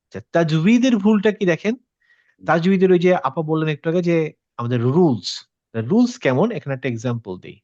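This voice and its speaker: Male tajweed teacher, slightly raised pitch, patient and questioning, dull dry lo-fi sound. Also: expressive, brisk, mellow, no room sound. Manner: patient, checks with students by asking questions; mixes English words into his talk. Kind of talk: interactive class explanation.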